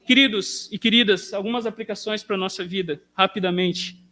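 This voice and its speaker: A Brazilian man preaching a sermon in a very high, bright and forceful voice. He builds emphasis as he goes and keeps asking the congregation direct questions. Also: fairly even intonation, normal speed. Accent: Brazilian Portuguese. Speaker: pastor.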